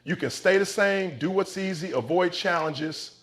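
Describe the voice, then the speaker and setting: A man delivering a scripted motivational speech like a halftime pep talk, intense and emphatic, in punchy phrases with dramatic pauses. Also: high-pitched, fairly bright tone. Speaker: motivational speaker.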